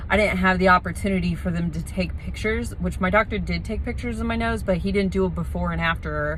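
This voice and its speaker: A woman's voice: on the low side, fairly bright tone, slight background noise, low-quality recording. A woman chatting casually as a vlogger, explaining things in an informal, rambling way. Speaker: vlogger preparing for nose surgery. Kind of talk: casual vlog chat.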